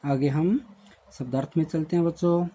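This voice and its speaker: A man teaching a lesson to schoolchildren in a recorded online class, explaining word meanings slowly and repeating himself. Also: a little high, fairly even intonation, dark tone. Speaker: Hindi teacher.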